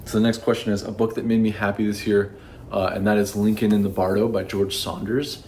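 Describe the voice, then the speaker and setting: A man's voice: fairly low pitch, flat delivery, fairly quick, darkish tone, a little hiss or hum. A man gushing about books in a casual vlog, effusive and emotional, with the odd swear word. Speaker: book reviewer. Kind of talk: casual book review vlog.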